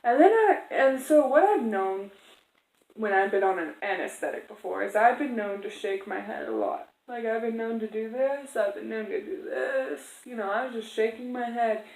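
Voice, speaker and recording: A woman's voice: a little high, normal speed, a little mellow. A woman telling a personal story casually to camera as a vlogger, in a rambling, conversational way. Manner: rambling, conversational, acts out quoted exchanges. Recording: echoey room.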